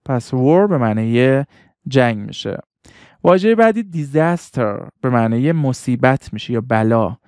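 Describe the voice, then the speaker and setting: Clear-voiced man teaching vocabulary patiently. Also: mid-range voice, lively intonation, darkish tone, no echo, clean studio sound. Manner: patient, repeats each word and its meaning slowly. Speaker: English teacher. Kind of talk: vocabulary lesson.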